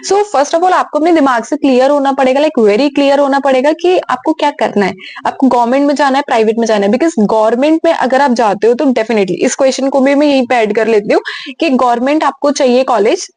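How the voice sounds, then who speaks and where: A woman's voice: high voice, fairly quick, darkish tone, no room sound. Frank young woman giving advice. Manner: frank, direct, mixes English words into Hindi. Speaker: physiotherapy channel host. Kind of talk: casual Q&A advice talk.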